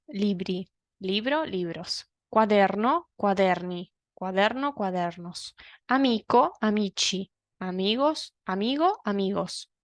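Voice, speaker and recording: A woman explains grammar patiently, stopping often to check that her students follow. Her voice sits in an ordinary middle range. The sound is dry and close, with no room echo. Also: mid-range voice. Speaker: Italian teacher.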